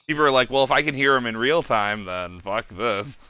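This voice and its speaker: A man co-hosting a casual online podcast, firing off crude jokes and quick comebacks over a voice call. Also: mid-range voice, sharp tone, a little hiss or hum. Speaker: podcast co-host. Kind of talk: casual livestream chat.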